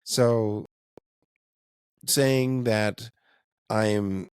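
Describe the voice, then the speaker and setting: A man's voice: lowish voice, steady tone, very slow, a little mellow, smooth, no echo, clean studio sound. A man co-hosting a casual faith podcast, talking in a thoughtful, hedging way and laughing often. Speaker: podcast co-host.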